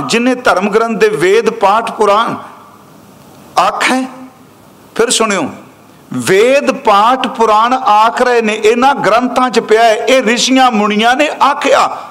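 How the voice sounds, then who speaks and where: A man preaching a sermon that explains scripture, chanting each quoted verse slowly and then explaining it in brisker speech while he speaks directly to his listeners. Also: high-pitched, a bit bright. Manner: addresses listeners directly as an audience. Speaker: Sikh preacher giving scripture commentary. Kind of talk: katha sermon expounding scripture.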